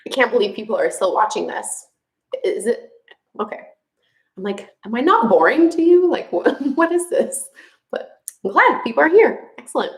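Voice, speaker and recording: The young Quebec yoga instructor hosts a casual live Q&A with viewers, speaking Quebec-accented French chattily with frequent fillers and laughs. Her voice is on the high side, animated and creaky, at normal speed, with reverb around it.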